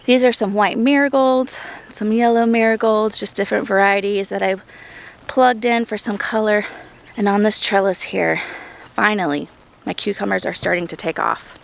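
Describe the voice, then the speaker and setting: A woman in her thirties walks through her vegetable garden outdoors, chatting eagerly as she points things out. Her voice has a gravelly, creaky edge and sits at a middle pitch. She is a little out of breath from the heat. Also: steady tone, moderate pace. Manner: chatty, enthusiastic, thinking aloud. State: hot and breathing heavily. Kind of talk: casual garden tour vlog.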